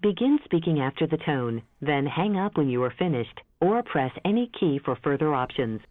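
A woman's recorded phone message giving voicemail instructions in a flat, clipped way. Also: low-pitched, moderate pace, dry recording. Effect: recorded phone message heard over a phone line. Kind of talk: automated voicemail prompt. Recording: tinny phone line.

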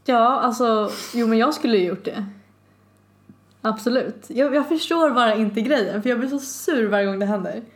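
A young woman co-hosting a podcast, frank and opinionated in casual chat. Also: a little high. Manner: frank, opinionated, quick to agree. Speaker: podcast co-host.

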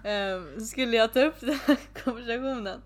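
A young woman co-hosting a casual podcast chat, telling a funny dating story with lots of laughter and quoting messages in English. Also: a little high. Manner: giggly storyteller, acts out chats in English. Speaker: podcast co-host.

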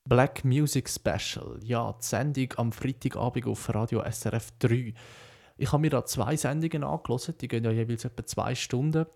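A man's voice: medium pitch, steady tone, brisk, vocal fry, darkish tone. A young man with a Swiss German accent hosting a podcast in a casual, conversational, reflective monologue. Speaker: podcast host, broadcaster intern.

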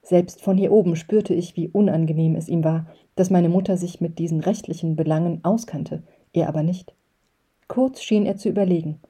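A woman reading an audiobook aloud in calm, measured first-person narration. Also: on the low side, breathy edge. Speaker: reader.

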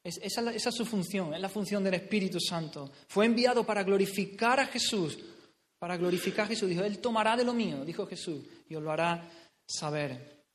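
A man's voice: sits high, a little fast. A man from preaching a sermon, stressing his points, repeating phrases and asking the congregation questions. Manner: emphatic, repeats phrases, asks rhetorical questions. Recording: reverberant hall sound.

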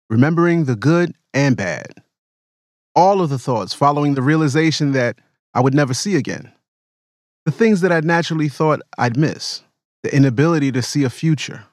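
A man hosting his own podcast, narrating his reflections in a calm, measured way and interviewing family. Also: on the high side, no echo, studio quality. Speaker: podcast host.

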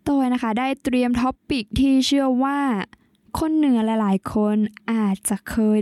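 A woman's voice: sits high, normal speed, mellow, dry recording, clean studio sound. A young woman from Thailand, hosting a solo podcast in a chatty, explanatory, polite way. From Nan, northern Thailand. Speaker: podcast host.

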